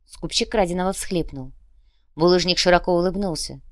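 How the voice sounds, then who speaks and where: Low-voiced woman narrating an audiobook. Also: a little fast, dry recording, clean studio sound.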